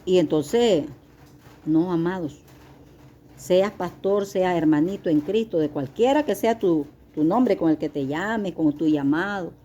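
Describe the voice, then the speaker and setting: A woman's voice: on the low side, a little slow, warm tone. A middle-aged woman giving an earnest, confessional sermon-style testimony as a lay preacher, speaking to her listeners as beloved.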